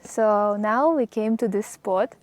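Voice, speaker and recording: A woman's voice: mid-range voice, slow, a little mellow. A woman with a Russian accent talking casually as a travel vlogger. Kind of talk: casual vlog chat.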